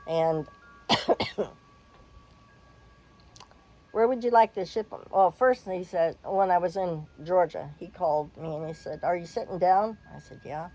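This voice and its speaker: A woman's voice: lowish voice, a little mellow, a little hiss or hum, rough recording. An older woman telling a personal story in a candid, blunt way, with the odd cough and sigh.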